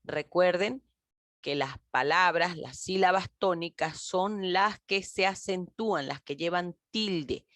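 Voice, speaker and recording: A woman teacher giving a recorded grammar lesson, speaking slowly and emphatically, stretching key words and addressing her pupils directly. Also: lowish voice, fairly bright tone, dry recording.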